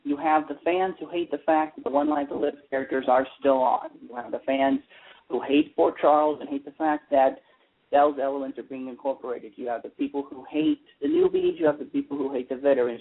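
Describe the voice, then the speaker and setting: A gravelly, slightly high American voice comes through a phone line at a brisk clip, full of lively intonation. He's a soap opera fan guest-commenting on a radio show, talkative and opinionated, rambling casually while pressing his points hard.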